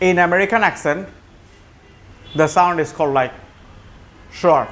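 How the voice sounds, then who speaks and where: Bangladeshi teacher drilling pronunciation patiently. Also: male voice, high voice, fairly bright tone. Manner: explains patiently, repeats words slowly, mixes in English phrases. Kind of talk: classroom lesson.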